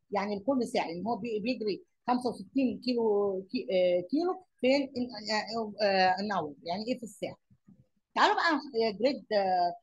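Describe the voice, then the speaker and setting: Fast-talking Egyptian woman teacher. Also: fairly high pitch, husky, poor audio. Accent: Egyptian Arabic. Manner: explains English words in Arabic, asks and answers her own questions. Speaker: English teacher. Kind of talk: classroom lesson explanation.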